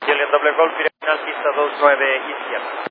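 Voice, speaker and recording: Crackly two-way radio voice, man, terse controller phrasing, tinny band, loud static hiss. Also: fairly high pitch, level tone, normal speed. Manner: terse, reads numbers, occasional hesitant fillers. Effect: crackly two-way radio transmission. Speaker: air traffic controller. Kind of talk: clipped aviation radio phraseology.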